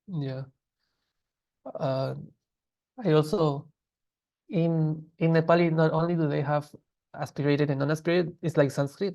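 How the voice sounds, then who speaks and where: A man with a medium-pitched voice and some vocal fry teaches a language class. He explains grammar patiently and in a relaxed way, pausing often and restarting his sentences.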